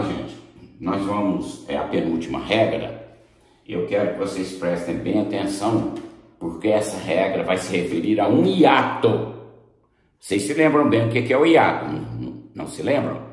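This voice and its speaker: A man's voice: sits low, darkish tone. A man teaching a grammar lesson, emphatic, repeating examples and checking in with students. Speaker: Portuguese teacher. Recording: very echoey room.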